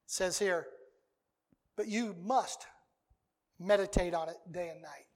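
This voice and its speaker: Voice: mid-range voice, a little slow. A preacher delivering a sermon, reading scripture aloud and driving points home by repeating key phrases.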